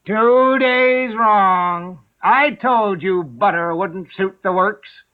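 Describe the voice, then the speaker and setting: A man's voice: high voice, drawn-out words, voice pushed up. A man voicing the Hatter, an eccentric, rude, riddling man, with an abrupt, theatrical delivery. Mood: excitable. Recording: narrow phone-like sound.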